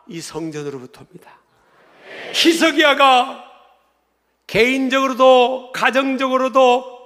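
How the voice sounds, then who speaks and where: A middle-aged male pastor preaching an emphatic sermon in a church, asking the congregation questions and building to shouts. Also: extremely high pitch. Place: church sanctuary. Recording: church hall reverb.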